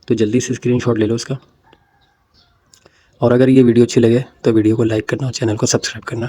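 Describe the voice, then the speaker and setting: Mellow-voiced man explaining a circuit. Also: mid-range voice, little pitch movement. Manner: repeats "ٹھیک ہے" as a check-in, with drawn-out "آ" pauses. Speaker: electronics tutorial host. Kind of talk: casual walkthrough of a circuit diagram.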